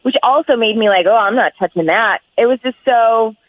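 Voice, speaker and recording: A woman's voice: fairly high pitch, brisk. A woman on a phone line, put through on speakerphone, talking bluntly and with exasperation, with lots of "like". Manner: blunt and exasperated, says "like" a lot. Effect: heard over a phone line on speakerphone. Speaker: radio call-in guest. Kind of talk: casual phone chat. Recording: tinny dry phone line.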